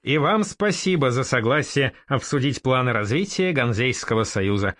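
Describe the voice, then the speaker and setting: A man voicing a sugary, wary male merchant councillor in an audiobook, smooth but suspicious. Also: mid-range voice, sing-song, normal speed, no echo, clean studio sound, close to an everyday voice. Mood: probing.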